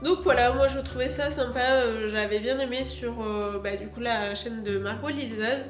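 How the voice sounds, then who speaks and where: A woman's voice: fairly high pitch, steady tone, normal speed, highs cut off. Chatty French booktuber woman, echoey room. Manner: chatty, full of hesitations and fillers; moves about while talking, standing. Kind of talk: casual vlog chat. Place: at home by her bookshelves. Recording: echoey room with faint background music.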